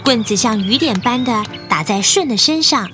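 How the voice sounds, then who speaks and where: A woman narrating a children's history story in an expressive, clear way. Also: on the high side, moderate pace, faint music behind. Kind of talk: scripted storytelling.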